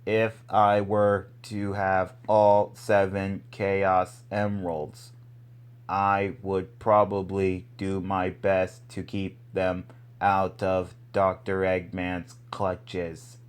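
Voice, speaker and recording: Stiff robot guy, a man voicing it, dead flat slow monotone, super smooth. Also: deep voice, pitched below the performer's own voice. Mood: formal. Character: formal male combat robot, stiff and literal. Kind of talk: fan character role-play.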